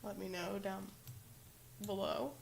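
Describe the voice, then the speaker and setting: A woman of middle pitch talks loosely through a live stream, wandering from thought to thought and correcting herself as she goes. Her delivery is casual and hesitant, full of filler words. Faint room noise and mouse clicks sit quietly behind her. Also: level tone, slow pace, vocal fry. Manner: rambling, hesitant, heavy with "like" fillers and self-corrections. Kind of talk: casual livestream chat.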